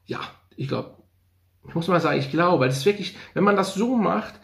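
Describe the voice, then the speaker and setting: A man's voice: high voice, fast, vocal fry, fairly bright tone. Enthusiastic man reviewing perfumes, echoey room. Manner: enthusiastic, thinks aloud, repeats slang praise. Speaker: fragrance reviewer. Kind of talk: casual unscripted product review.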